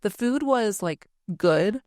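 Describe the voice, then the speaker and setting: A woman's voice: medium pitch, lively intonation, slow pace, darkish tone, no room sound, studio quality. A woman in her thirties co-hosting a podcast in casual chat, talking chattily with lots of "like". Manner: chatty, peppered with "like". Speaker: podcast co-host.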